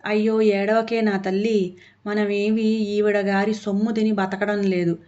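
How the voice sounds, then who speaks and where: A woman voicing a sharp-tongued, sarcastic older mother-in-law in a storybook reading. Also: medium pitch, flat delivery, unhurried, close to an everyday voice. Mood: scornful. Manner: sarcastic, scolding. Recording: dull lo-fi audio.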